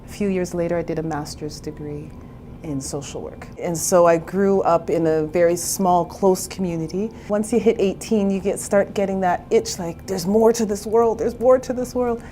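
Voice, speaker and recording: A woman's voice: lowish voice, moderate pace, warm tone, slight background noise. A woman in her forties from Canada, a therapist and entrepreneur, telling her own story in a candid, chatty interview. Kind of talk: personal interview.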